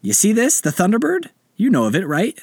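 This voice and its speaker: A blustering, theatrical pirate captain, showy and loud, his voice jumping high when he gets indignant, as a man puts him on for a story. The recording is dry and close. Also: huge pitch swings, brisk, breathy edge, no room sound, full character voice. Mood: smug.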